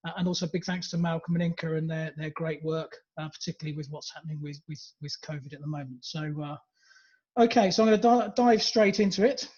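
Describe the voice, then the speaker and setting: An English man presenting on a webinar, talking in a chatty way and stopping often for fillers. His voice sits a little high, and the video call audio sounds dull and lo-fi. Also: brisk, darkish tone, husky. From England. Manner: chatty, hesitant, many fillers.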